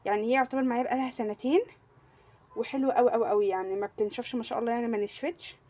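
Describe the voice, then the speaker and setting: A woman's voice: fairly high pitch, fairly even intonation, racing, warm tone. A young woman with an Egyptian Arabic accent, gushing through a casual beauty product review and repeating words for emphasis. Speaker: beauty vlogger.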